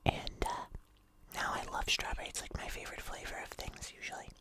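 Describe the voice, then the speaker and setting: The host of an ASMR eating video chats with viewers in a soft, unvoiced whisper, close to the mic. The tone is casual, friendly and unhurried.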